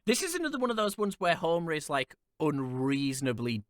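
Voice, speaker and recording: A man in casual podcast chat, excitable and swearing freely. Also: a little high, brisk, dry recording, clean studio sound.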